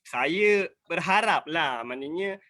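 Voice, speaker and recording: A man's voice: fairly high pitch, animated, slow, sharp tone. A man in his forties with a Malaysian Malay accent, an entrepreneur speaking on a video call, emphatic and rambling, often repeating himself. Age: 40s. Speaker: entrepreneur asking questions. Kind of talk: earnest appeal in an online business talk.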